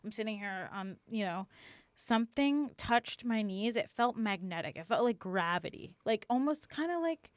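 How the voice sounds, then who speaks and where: Smooth-voiced woman chatting, halting and filler-heavy. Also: mid-range voice, animated, dry recording. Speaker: podcast co-host. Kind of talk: casual chat.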